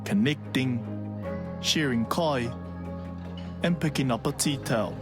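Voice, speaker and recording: A man's voice: medium pitch, a little slow. A man reading scripted documentary narration. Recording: loud music under the voice. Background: loud music.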